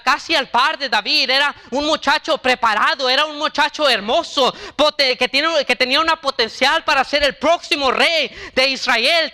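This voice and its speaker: A man's voice: extremely high pitch, pushed and bright. A man preaching a sermon in an impassioned way, often asking "right?" and repeating words as he goes. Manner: impassioned, tags lines with "¿verdad?".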